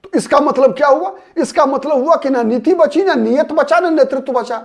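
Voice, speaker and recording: A man's voice: very high voice, moderate pace, gravelly. A man delivers political commentary alone as host of his own show. He builds the case step by step and returns again and again to the same names and key terms. Every so often he stops to ask a rhetorical question, then answers it himself. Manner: analytical, poses rhetorical questions and answers them; repeats names and key words for emphasis. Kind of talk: solo political commentary to camera.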